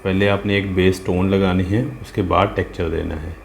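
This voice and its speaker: A man with a low, creaky voice, fairly even intonation, and normal speed gives a casual, patient step-by-step drawing lesson as an art teacher. He talks as he works, often checking in with "है ना?" and "ठीक है?", and the recording is roomy with faint ambience and slight background noise.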